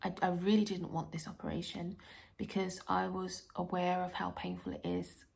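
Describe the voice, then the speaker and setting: A woman recovering from tonsil surgery with a dry, sore throat, talking casually and haltingly in a personal health vlog. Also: on the low side, flat delivery, gravelly, a little mellow, a little hiss or hum. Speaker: vlogger.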